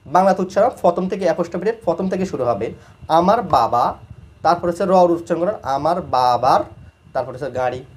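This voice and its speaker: High-voiced man teaching grammar slowly. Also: slightly rough. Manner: slow, repeats examples word by word. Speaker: English teacher. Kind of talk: explaining grammar.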